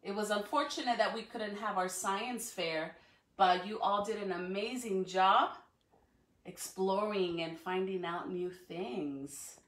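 She speaks slowly at a medium pitch with a fairly bright tone. In her living room at home, this school educator reads aloud to children on a livestream, encouraging them and questioning them as she goes. A phone or camera a few feet away makes the sound echoey and distant.

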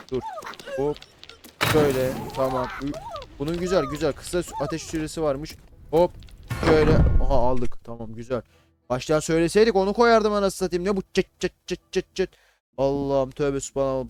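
A man giving casual, excitable commentary on a battle game, swearing and shouting at the units he controls. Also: fairly high pitch, noisy background. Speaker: gaming YouTuber. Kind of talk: casual Let's Play commentary.

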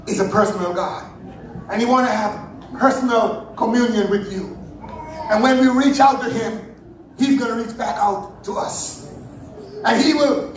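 Male preacher, very high voice, fervent sermon with shouted peaks, recorded far off in a booming church hall. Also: a little hiss or hum. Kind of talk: Sunday sermon. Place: church sanctuary. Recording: very echoey church hall, heard from afar.

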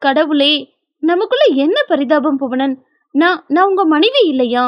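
A woman's voice: sits high, expressive, unhurried, dry recording, lo-fi sound. A woman voicing a distraught young wife who speaks in a trembling, frantic, pleading way, in a dry storybook recording.

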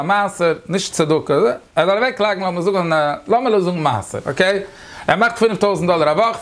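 A man, a rabbi, giving a Talmud lecture, explaining step by step, repeating phrases and asking rhetorical questions, with English words mixed in. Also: high voice.

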